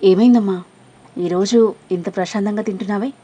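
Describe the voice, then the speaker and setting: A woman voicing a kind housemaid who asks gentle, concerned questions. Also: mid-range voice, steady tone, a little fast, slightly rough, natural voice. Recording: dull lo-fi recording.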